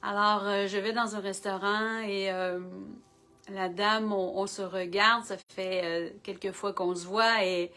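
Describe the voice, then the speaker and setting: Woman, Québécois accent, spiritual medium, live-stream chat, slow and gentle delivery. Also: mid-range voice, fairly even intonation. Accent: Québécois French. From Québec. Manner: slow, gentle, greets viewers by name.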